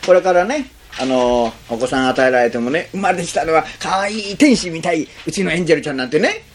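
A man preaching a sermon as a pastor, in a conversational way, often adding a questioning "ne" to his sentences. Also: quick pace. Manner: conversational, frequent tag "ne", lively swings in pitch.

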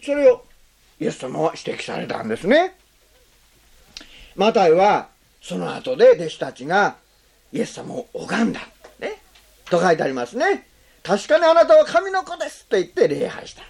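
A pastor delivers a sermon with an extremely animated, swooping pitch. The preacher keeps putting questions to the listeners and drops short tag words between phrases, drawing out key words and then hurrying through the explanations. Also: vocal fry, slightly rough. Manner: rhetorical questions to the congregation; slows on key phrases, speeds up when explaining.

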